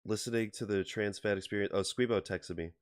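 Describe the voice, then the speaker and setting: A man from Wisconsin co-hosting a casual podcast chat, speaking in a dry, laid-back way and often dropping into quiet, mumbled asides. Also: fairly low pitch, steady tone, fairly quick, clear, resonant tone. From Wisconsin, USA. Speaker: podcast co-host.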